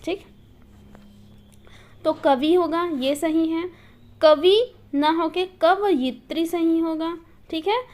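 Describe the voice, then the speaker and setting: A woman's voice: high voice, a little mellow. A woman teaching an online grammar lesson, explaining step by step and checking in often with "okay".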